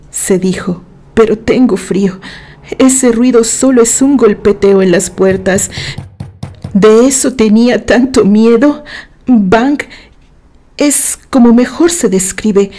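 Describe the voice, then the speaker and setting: A woman from Mexico with a Mexican accent, reading a horror novel aloud in a measured, deliberate storytelling manner. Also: a little high, dark tone. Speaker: narrator.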